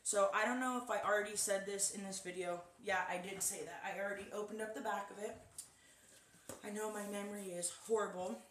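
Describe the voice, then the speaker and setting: A woman's voice: mid-range voice, fairly even intonation, brisk, a bit bright, a little hiss or hum. A young woman chatting to her viewers as she unboxes a package, recorded on a camera set a little away from her in a small, echoey bedroom. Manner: chatty, addresses viewers directly. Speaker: vlogger. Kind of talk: casual unboxing chat. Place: small guest bedroom indoors. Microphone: camera set up a little far away. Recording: echoey room sound.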